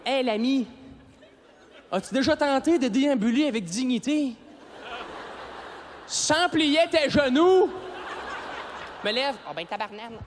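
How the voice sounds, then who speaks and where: A man in his thirties with a Québécois accent doing a stand-up routine on an arena stage, animated and breaking into shouted high bursts. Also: slow, pauses often. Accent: Québécois French. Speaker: stand-up comedian. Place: large arena stage with audience. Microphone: stage microphone. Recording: live arena recording with crowd laughter and faint noise.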